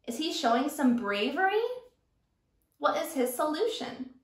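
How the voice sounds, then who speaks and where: A woman teacher reading a picture book aloud to a class with expressive storytelling and stopping to ask her students questions. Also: high voice, a little slow. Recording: echoey room.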